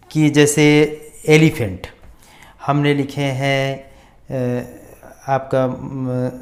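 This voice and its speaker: A man teaching a grammar lesson, spelling out and repeating each word slowly as he writes examples. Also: mid-range voice, a little mellow. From India. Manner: repeats words slowly while writing examples. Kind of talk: slow classroom grammar lesson.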